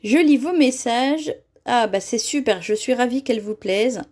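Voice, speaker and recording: A woman's voice: a little high, moderate pace, a little mellow. A woman giving a live card-making tutorial, chatty and often laughing as she reads viewer comments aloud. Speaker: crafting demonstrator.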